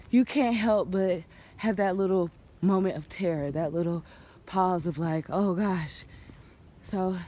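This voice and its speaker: Out on a trail, alternating between running and walking, a woman talks breathlessly and casually to her vlog audience. She speaks at medium pitch with a warm tone, recorded on a handheld phone amid outdoor noise.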